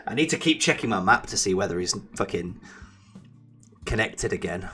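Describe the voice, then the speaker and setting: A man's voice: fairly low pitch, expressive, moderate pace, pushed and bright, soft background music. Playful man streaming a truck game. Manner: playful, teasing, breaks into silly sing-song noises. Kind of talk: casual gameplay chat with a co-player.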